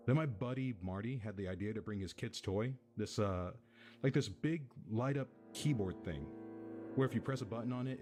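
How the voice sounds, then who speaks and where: A man's voice: mid-range voice, close to an everyday voice. A man with an American accent playing a laid-back, foul-mouthed tenant who rambles through an eerie story in casual audio-drama style.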